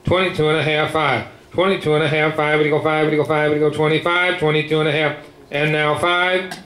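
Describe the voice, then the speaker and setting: Male auctioneer, slightly high-pitched, rolling repetitive bid chant; echoey, noisy room. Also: flat delivery, fast, fairly bright tone. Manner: repetitive patter with filler words between numbers. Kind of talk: rapid rhythmic auctioneer chant calling bids. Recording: echoey room with clear background noise.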